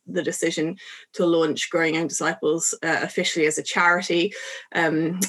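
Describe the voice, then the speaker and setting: A Dublin Irish woman in her forties speaks as an interview guest. Her voice sits a little low. She talks earnestly and conversationally, often pausing on "um". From Ireland. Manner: warm, earnest, frequent "um" fillers. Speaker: guest, ministry director.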